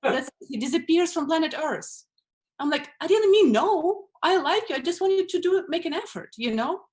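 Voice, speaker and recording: A woman from Russia with a Russian accent, doing a stand-up set over a video call in a deadpan, blunt way, laughing at her own jokes. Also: very high voice, moderate pace. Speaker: stand-up comedian.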